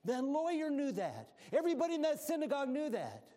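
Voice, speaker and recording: A man preaching a sermon in a high, very lively voice. He shifts from hushed asides to loud exclamations and draws the congregation into call and response. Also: brisk.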